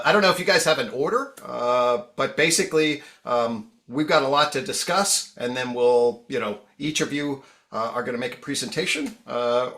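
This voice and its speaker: Bright-voiced man moderating a panel. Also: mid-range voice. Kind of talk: casual conference panel introduction.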